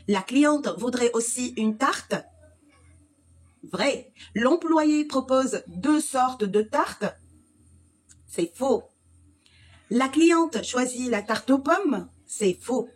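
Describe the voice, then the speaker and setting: A woman teaching French to Arabic speakers with an Egyptian accent, explaining slowly and repeating words. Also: sits high, expressive, slightly rough. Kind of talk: language lesson, switching between French and Egyptian Arabic.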